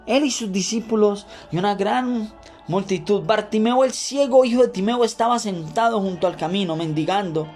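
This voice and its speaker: Fervent preaching man over soft music. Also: sits high. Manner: fervent, emphatic preaching with repeated phrases. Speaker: pastor. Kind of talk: devotional sermon with scripture reading.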